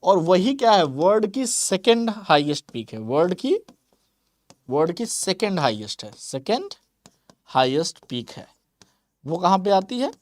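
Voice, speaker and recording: A man's voice: sits high, very animated, a little slow. A man teaching an exam-prep geography lesson, who keeps asking questions and then answering them himself, with English terms mixed into his Hindi. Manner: repeats points with quiz-style questions.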